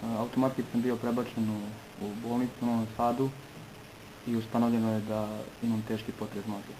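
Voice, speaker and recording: A Serbian man gives an earnest personal testimony in short phrases, pausing between them so an interpreter can speak. His voice is medium-pitched and level, with a noisy background.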